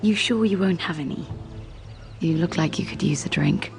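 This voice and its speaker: Low-voiced, earnest young handmaiden played by a woman. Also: moderate pace, darkish tone, faint music behind, lightly acted. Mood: grateful, gentle. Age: young adult. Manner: hesitant, confiding, earnest. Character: anxious young illegitimate handmaiden, earnest and pleading. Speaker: actor voicing a video game character. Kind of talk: dramatic video game dialogue.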